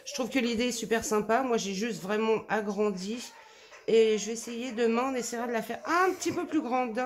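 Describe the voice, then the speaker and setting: A woman vlogger walks through her scrapbooking purchases in an easy, chatty way. She gushes over every design, trailing off into fillers. She speaks warmly to her viewers as if they were friends. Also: a little high, moderate pace. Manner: enthusiastic, gushing over papers with many fillers; addresses viewers affectionately. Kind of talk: casual product haul show-and-tell.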